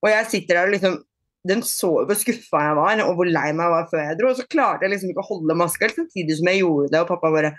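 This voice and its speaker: A woman being interviewed on a podcast, chatting casually, with many fillers and restarts and lively retold dialogue. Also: lowish voice. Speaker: podcast guest, bodyfitness athlete.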